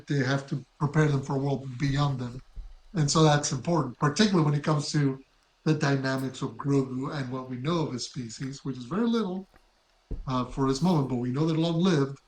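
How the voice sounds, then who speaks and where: A man co-hosting a podcast in casual chat, reflective and measured as he explains his thinking. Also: medium pitch, a little mellow. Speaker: podcast co-host. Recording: echoey room.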